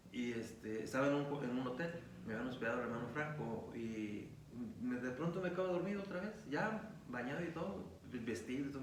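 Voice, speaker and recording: A man's voice: mid-range voice, distant mic. A middle-aged preacher, recounting a personal story in a rambling way full of fillers. He sounds like he is in a very echoey room, set well back from the mic. A faint hum of ambience sits underneath. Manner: rambling retelling with many fillers. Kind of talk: storytelling in an interview.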